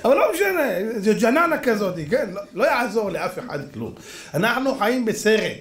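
A man, a rabbi, giving a sermon with animated storytelling and acted-out voices. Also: high voice. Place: lecture hall. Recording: echoey hall.

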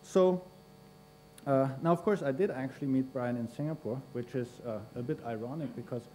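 A middle-aged man from Austria introducing a speaker at a podium in a university lecture hall, pausing often with fillers. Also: mid-range voice, darkish tone, a little hiss or hum. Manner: hesitant, many fillers. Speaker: conference host introducing a speaker. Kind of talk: formal introduction. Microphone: podium mic.

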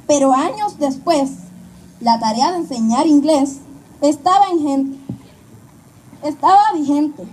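A woman's voice: high voice, slow, pauses often, a little mellow, slight background noise, low-quality recording. A woman narrating an amateur stage play in a theatrical storytelling style, over a stage PA outdoors. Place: outdoor tented stage at night.

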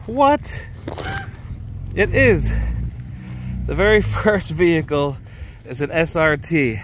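A man in his thirties vlogging casually while walking through an outdoor car lot, excited and chatty, filmed on a handheld camera at arm's length. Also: fairly high pitch, slow, a little hiss or hum. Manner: excited, chatty, laughs often. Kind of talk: casual vlog walkthrough. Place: outdoor impound parking lot.

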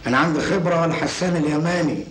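Playing a scheming, smooth-talking con man in an old film, a male actor with an Egyptian Arabic accent brags, teases, and acts cocky. His natural voice runs on the high side, fast and fairly bright, on an echoey, hissy film soundtrack.

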